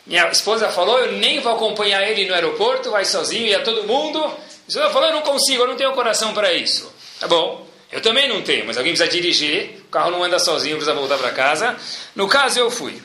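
A man's voice: high-pitched, fast, reverberant. A middle-aged man with a Brazilian Portuguese accent tells a story to an audience, calling out to his listeners with asides. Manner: animated, addresses listeners as "pessoal", adds asides.

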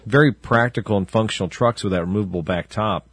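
Fast-talking husky man on a podcast. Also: lowish voice, fairly bright tone, dry recording. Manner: quick, chatty, joking. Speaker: podcast co-host. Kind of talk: casual car chat.

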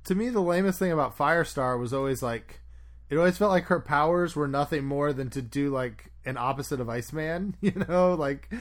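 A man's voice: fairly high pitch, a little fast. Opinionated man, upbeat podcast host. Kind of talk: casual chat.

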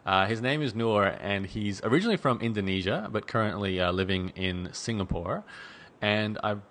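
Middle-aged man, podcast host, low, conversational, filler-heavy. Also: moderate pace, a bit bright. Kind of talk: podcast interview with ad read.

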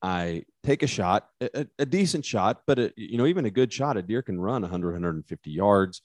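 A man talks in a fairly low voice with a West Texas twang, recorded close and dry. He explains things in casual conversation, folksy and emphatic. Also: lively intonation, a little fast, darkish tone, no echo. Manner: folksy, emphatic, checks with "right?".

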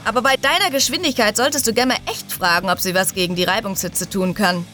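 A woman's voice: medium pitch, quick pace, bright, forceful tone, soft background music, close to an everyday voice. Woman as a wry young male superhero, dry and amused, storybook.

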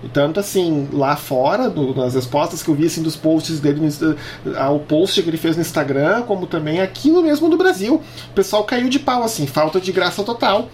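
A man co-hosting a casual talk show, telling examples in an animated, indignant way. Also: fairly high pitch, fairly quick, slight background noise. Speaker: podcast co-host. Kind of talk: casual conversation.

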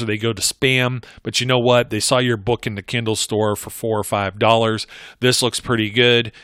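A man's voice: medium pitch, a bit bright, dry recording, clean studio sound. A man talking through marketing advice in a casual, rambling way, often restarting and correcting himself. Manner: rambling, conversational, frequent self-corrections.

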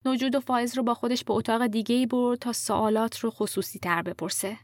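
A woman narrating a true story in a calm, measured storytelling voice. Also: fairly high pitch, no echo, clean studio sound. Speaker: podcast narrator.

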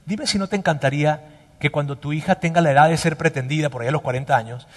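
Animated preacher man in a reverberant hall. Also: a little high, fast talker. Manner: animated, emphatic preaching with shifts from loud to hushed. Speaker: pastor. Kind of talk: sermon.

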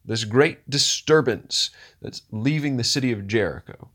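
In a husky, mid-range voice, a male preacher delivers a sermon that shifts from quiet, slow passages to loud, stirring ones, asking the congregation rhetorical questions along the way.

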